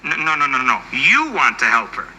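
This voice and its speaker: An actor playing a flustered suburban dad who keeps backpedaling nervously in a sitcom. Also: male voice, sits high, big pitch swings, fairly quick, bright, forceful tone, full character voice, low-quality recording. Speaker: father and husband. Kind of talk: sitcom acting.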